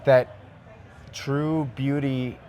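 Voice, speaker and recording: A man's voice: medium pitch, little pitch movement, very slow, a little mellow. Casual, enthusiastic male podcast host.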